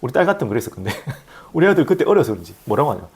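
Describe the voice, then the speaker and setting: Husky-voiced male pastor preaching. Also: medium pitch, big pitch swings, very fast. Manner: storytelling, swings from hushed to loud. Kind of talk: sermon.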